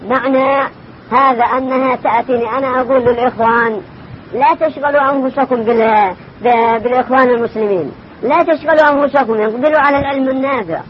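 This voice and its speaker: A man's voice: extremely high pitch, fast, highs cut off, slight background noise. An older man speaking as a religious scholar answering questions informally, repeating phrases for emphasis, recorded on old worn tape.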